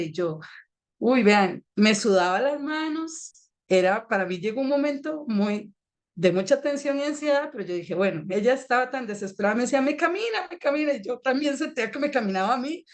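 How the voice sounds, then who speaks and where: A young adult woman audiologist telling a lively, self-mocking anecdote on a panel, acting out moments as she goes. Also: medium pitch.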